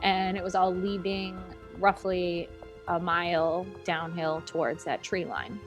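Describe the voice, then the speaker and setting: A woman's voice: fairly low pitch, fairly even intonation, measured pace. Giggly young woman telling a story. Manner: playful, giggly, jokey asides. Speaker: podcast co-host telling the story. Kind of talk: casual storytelling chat. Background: soft background music.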